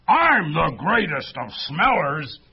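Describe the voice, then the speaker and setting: A man voicing a big, pompous male bear who brags in a drawn-out way in a storybook reading. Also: on the high side, sing-song, slightly rough, muffled recording, pitched above the performer's own voice, exaggerated voice. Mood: boastful. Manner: boastful, drawn-out.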